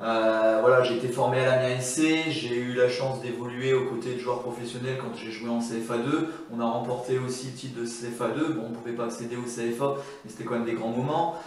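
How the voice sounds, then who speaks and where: A man's voice: mid-range voice, level tone, fairly quick, hardly any pauses, a little hiss or hum. Male guest, loose rambling answers, heard distant in an echoey space. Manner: rambling, repeats words. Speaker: guest former footballer. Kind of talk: casual interview answers.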